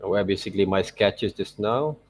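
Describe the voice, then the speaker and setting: An art teacher with a voice on the low side talks through a screen-share tutorial at normal speed, with slight background noise. His commentary is informal, and he often checks in with little tag questions.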